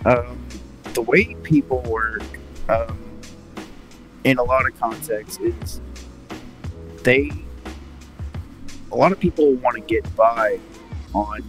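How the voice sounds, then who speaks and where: A man's voice: mid-range voice, fairly bright tone. A man on an online call, sounding muffled and underwater because he talks from bed without a headset, hesitant and full of fillers. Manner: hesitant, many uh and um fillers, restarts. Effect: muffled, underwater-sounding audio. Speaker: panelist giving advice. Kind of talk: casual group chat. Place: in bed at home. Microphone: built-in mic, no headset.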